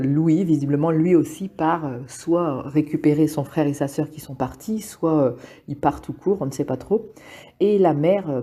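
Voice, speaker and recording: A woman's voice: low-pitched, dark tone. A woman giving a casual spoken summary of a book's scenes, explaining plainly with frequent hesitations. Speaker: literature summary presenter.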